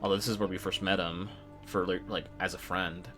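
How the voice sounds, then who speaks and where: A man giving casual gameplay commentary, earnest and halting as he rambles through his reactions. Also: sits low, steady tone, over music. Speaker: gamer reacting to game story.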